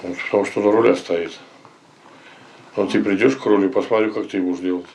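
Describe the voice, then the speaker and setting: Man, gravelly, lowish pitch, blunt casual talk, slang and swearing, faint noise behind. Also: steady tone, fairly quick, a little mellow, rough recording. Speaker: village resident being interviewed. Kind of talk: casual chat.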